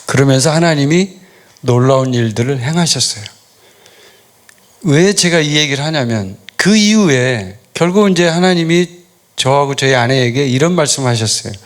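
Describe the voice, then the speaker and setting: A middle-aged man, a pastor, preaching a sermon in a relaxed storytelling way, asking questions and answering them himself. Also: mid-range voice. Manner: storytelling, conversational, asks and answers his own questions. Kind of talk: sermon with personal stories.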